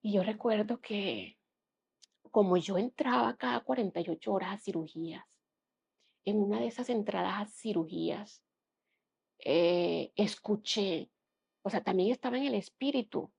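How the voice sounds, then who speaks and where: A young woman recounts a hard personal experience in earnest conversation as a podcast guest. Her voice has a gravelly, creaky edge and sits at a middle pitch. She often drops to a hushed tone. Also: moderate pace.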